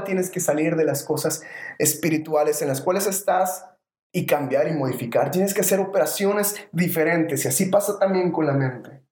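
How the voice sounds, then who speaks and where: An earnest motivational podcast host who tells a story and presses listeners again and again to act. The voice sits at a middle pitch. The roomy recording carries a noticeable echo. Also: darkish tone. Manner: earnest, repetitive exhortation.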